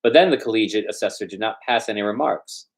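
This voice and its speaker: The host of a storytime show reads a story aloud in a theatrical, playful manner. His fairly low voice moves fast through the dramatic read-aloud.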